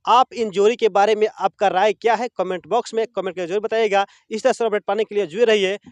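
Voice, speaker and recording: Man, news interviewer, from Bihar, high voice, chatty, dry close sound. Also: fairly even intonation, fast talker, darkish tone, dry recording. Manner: chatty, prompting with many short fillers. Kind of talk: casual on-location interview.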